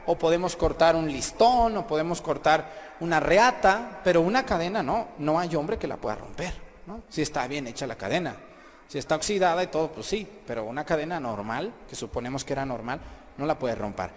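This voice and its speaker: A priest preaches with emphasis, often turning questions to his congregation. His voice sits slightly high for a man and rings with long reverb. Faint ambient noise sits beneath. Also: lively intonation, brisk. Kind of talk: sermon. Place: church. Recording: echoey hall, faint background ambience.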